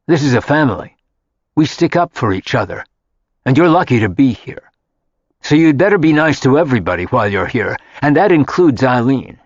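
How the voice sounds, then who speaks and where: A man's voice: mid-range voice, sing-song, brisk, no echo. A stern, threatening man standing up for his household in an audiobook drama, voiced by the male narrator. His voice is dry and close, with a slightly dull, lo-fi sound. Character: angry protective man, head of household. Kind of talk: audiobook character voice.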